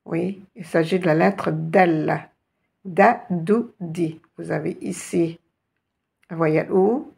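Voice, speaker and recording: A woman teaching letters in a slow, patient reading lesson, repeating each sound and asking the viewer questions. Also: medium pitch, vocal fry, darkish tone, husky. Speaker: Arabic teacher.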